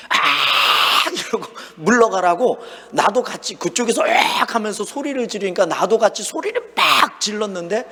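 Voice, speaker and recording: A pastor telling a dream story in a sermon, acting out his own words and shouts. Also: sits high, husky. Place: church sanctuary. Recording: long hall reverb.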